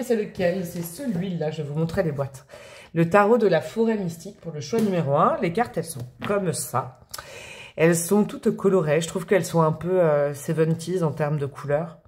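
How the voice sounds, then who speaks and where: A woman's voice: fairly low pitch, normal speed, a little mellow, slight background noise. A woman from France hosting a casual tarot reading, chatty and bubbly with slangy, affectionate talk. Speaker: tarot reader and channel host.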